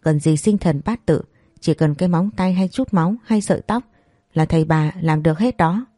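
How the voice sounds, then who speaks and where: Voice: mid-range voice, normal speed, dark tone, no echo, clean studio sound, natural voice. The narrator voicing a chatty, superstitious housemaid who talks eagerly and persuasively.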